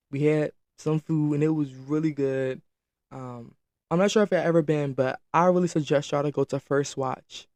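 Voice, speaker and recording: Teen guy chatting away to his viewers, kinda high voice, dry mic, super casual story time. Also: dry recording. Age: late teens. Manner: chatty, animated, addresses viewers as y'all. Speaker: podcast host.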